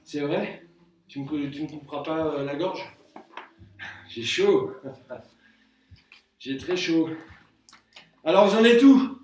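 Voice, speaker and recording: A man teaching a relaxed live workout class at home, counting reps aloud and joking with viewers. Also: fairly high pitch, slow, pauses often, slight background noise. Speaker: Krav Maga instructor. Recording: echoey room, from far off.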